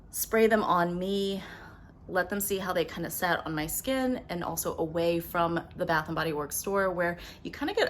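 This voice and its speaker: A woman doing a casual product haul vlog at home, chatty and upfront, talking quickly to the camera. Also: medium pitch. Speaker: beauty vlogger. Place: at home with windows open. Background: faint household noise, dog walking around.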